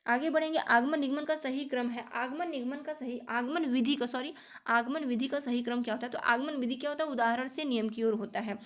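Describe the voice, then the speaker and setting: A woman's voice: high voice, steady tone, brisk. A woman teaching an exam-prep lesson, patiently repeating each answer and often calling her viewers friends. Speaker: teacher preparing students for teaching exams.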